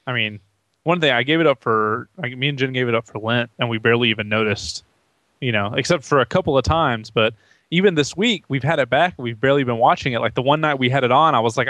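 A man's voice: medium pitch, a bit bright, dry recording. A man chatting casually on a gaming podcast, joking and laughing as he talks. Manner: jokey, chatty, laughs mid-sentence.

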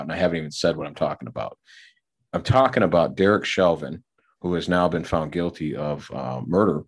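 A middle-aged man tells a rambling story on his podcast, stopping for fillers and restarting his sentences. His voice sits very low. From Minneapolis area. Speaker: podcast co-host. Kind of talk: casual storytelling.

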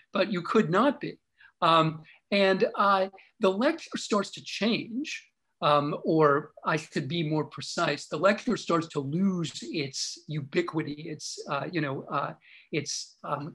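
Male academic guest, fairly high voice, rambling, filler-heavy answers. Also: creaky, a bit bright, husky, poor audio. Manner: discursive, many fillers and restarts. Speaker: author and historian guest. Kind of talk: interview answers.

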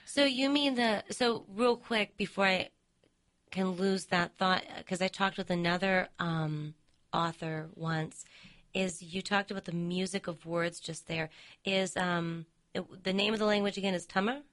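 A woman interviewer chatting casually, with lots of quick "you know" asides and animated backchannel responses. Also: medium pitch. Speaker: interviewer, host.

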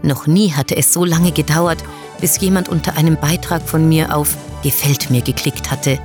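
A woman reading a short story in first person with expressive, wry delivery, then announcing credits. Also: sits low, moderate pace, music in the background. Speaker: story reader.

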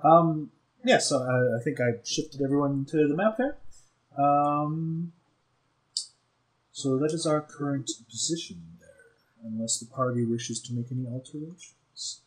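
A man's voice: a little high, unhurried. A man running a tabletop game as game master over a video call, hesitant with many ums and restarts.

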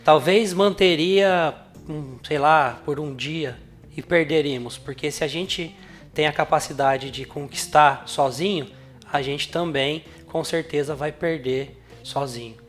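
A man's voice: fairly high pitch, unhurried, faint music behind. A man speaking through a voice changer with a Brazilian Portuguese accent, an earnest podcast co-host reflecting on faith. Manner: earnest, emphatic repetition. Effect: voice changer, altered voice.

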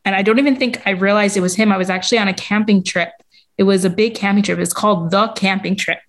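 A woman chats as a guest on a podcast, telling her story in a loose, meandering way. Her voice sits at an ordinary middle pitch, and her talk is relaxed and conversational. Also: fast talker. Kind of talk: casual interview chat.

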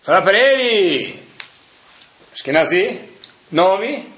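A man giving a religious talk, telling a story with lively energy and Hebrew prayer terms. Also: high voice, takes it slowly, reverberant, a little hiss or hum.

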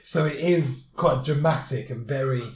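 A podcast host chats casually, describing things at length and filling his talk with fillers. His voice sits at a medium pitch, moves at normal speed, and sounds roomy.

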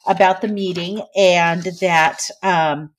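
A woman's voice: lowish voice, steady tone, slow pace. Earnest woman co-hosting a news chat. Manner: earnest, reads quotes aloud, gets teary. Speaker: podcast co-host.

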